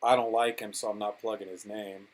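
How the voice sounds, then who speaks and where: A man's voice: fairly low pitch, little pitch movement, brisk, low-quality recording. A man talking casually as a podcast guest, a DJ and producer who rambles through stories and swears freely. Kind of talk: casual interview chat.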